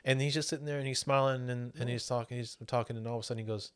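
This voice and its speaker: A man's voice: medium pitch, steady tone, rapid-fire, clear, resonant tone, dry recording. Podcast co-host, male, rambling and foul-mouthed, dry close mic. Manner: rambling, profane, laughs often while recapping. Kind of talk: casual movie review chat.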